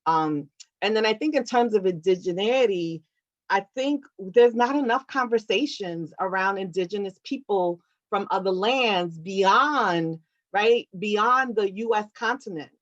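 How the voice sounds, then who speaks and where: Answering a question in an online talk, an award-winning activist from Puerto Rico speaks at a medium pitch and a slightly slow pace. She comes across as earnest and reflective, repeatedly asking "right?", and the recording has its highs cut off.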